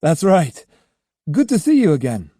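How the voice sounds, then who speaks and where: A man's voice: fairly high pitch, wildly swooping pitch, measured pace, mellow, no echo, studio quality, voice pushed up, exaggerated voice. A man voicing a hearty, courteous wandering monk in an audiobook. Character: wandering monk-warrior, friendly and direct. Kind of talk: audiobook character voice.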